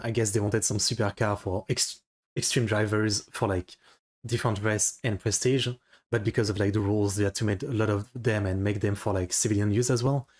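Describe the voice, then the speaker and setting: A man with a French accent, whose first language is French, giving casual reaction commentary in a halting way with many fillers and restarts. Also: lowish voice. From France. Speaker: video reactor.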